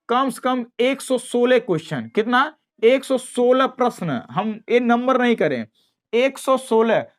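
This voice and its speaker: An exam-prep teacher with a medium-pitched, fairly bright voice gives an informal explainer. She speaks emphatically, repeating key phrases and returning again and again to assuring tag phrases.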